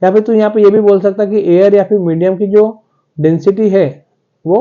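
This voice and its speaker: On phone-quality audio, a man's high voice moves fairly quickly with little pitch movement. He is a physics teacher lecturing his class, addressing students directly and acting out the questions they might ask.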